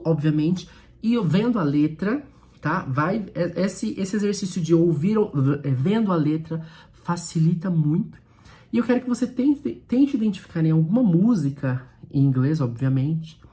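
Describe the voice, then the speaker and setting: A man's voice: sits high, mellow. A man with a Brazilian Portuguese accent giving a casual online English lesson, chatty and informal, correcting himself as he goes and drilling questions in English. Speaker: English teacher.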